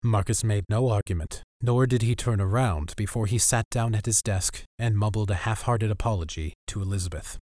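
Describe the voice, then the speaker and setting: A man's voice: fairly low pitch, moderate pace, no echo. Man narrating a story, dry sound. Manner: steady storytelling. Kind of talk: audiobook narration.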